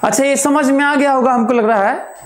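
A man teaching a physics lecture, explaining by repeating examples aloud with long pauses and slowly dictating notes. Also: extremely high pitch, echoey room. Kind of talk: classroom lecture.

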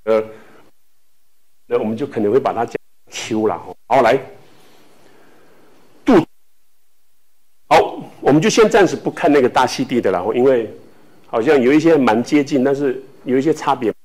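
A man from Taiwan teaching a language class, speaking slowly with many filler tags and repeating words for students to echo. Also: medium pitch, animated, a little mellow. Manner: filler-heavy speech with frequent "hou" tags.

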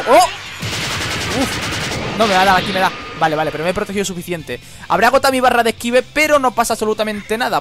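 Young male let's-player from Spain, high and rapid, loud game music under him. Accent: Spain Spanish. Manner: rapid, jokey, exclamatory, swears often. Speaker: gameplay commentator. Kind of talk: excitable let's-play commentary. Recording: game music playing behind.

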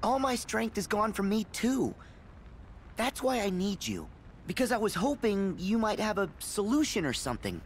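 A man's voice: sits high, very animated, normal speed, slight background noise. A young man voicing an earnest, eager teenage boy hero in a video game. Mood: downcast, hopeful. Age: young adult. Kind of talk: video game cutscene acting.

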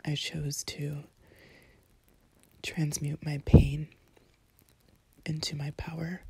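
Woman doing whispered role-play as a comforting girlfriend, super breathy n husky, really slow. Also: sits low, level tone, a little mellow, dry recording. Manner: slow, soothing, tender delivery with long pauses. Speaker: intimate audio performer playing a comforting girlfriend.

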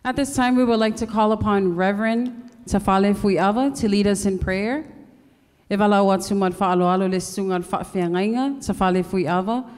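A woman in her thirties from American Samoa co-hosts a formal evening as master of ceremonies. She speaks in a measured, ceremonial manner at an ordinary pitch for a woman. A long hall reverb trails behind every phrase. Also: a little mellow. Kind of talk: formal event emceeing, switching to Samoan.

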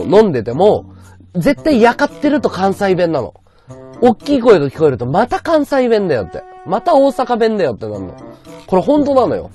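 A man's voice: sits high, dark tone. A man streaming live, chatting casually and answering his viewers' comments aloud. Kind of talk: casual livestream chat.

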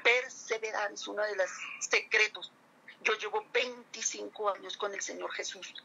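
A woman's voice: medium pitch, steady tone, moderate pace, gravelly, pushed and bright, husky, lo-fi sound. A middle-aged woman giving an earnest, emotional religious testimony to a pastor, addressing him again and again as she speaks.

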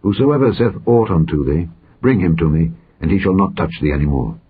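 A grieving old king speaking in measured, lowered tones, as a man reads him. The voice is very deep and very husky, and the recording is dull and lo-fi. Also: animated. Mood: grave.

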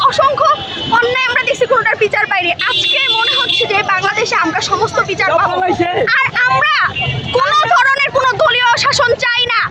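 A woman in her twenties with a Bangladeshi accent gives an impassioned, tearful, urgent statement, mixing in English words. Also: extremely high pitch. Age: 20s. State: distraught, tearful. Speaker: teacher speaking as a protester. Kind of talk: impassioned street statement to media. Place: outdoors on a busy city street. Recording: loud street crowd and traffic noise. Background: crowd, vehicles, street noise.

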